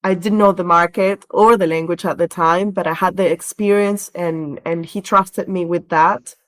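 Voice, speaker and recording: Her voice is fairly low-pitched with fairly even intonation, delivered at normal speed. She's a Venezuelan relocation director guesting on a podcast, where she answers in a conversational way, narrating and explaining.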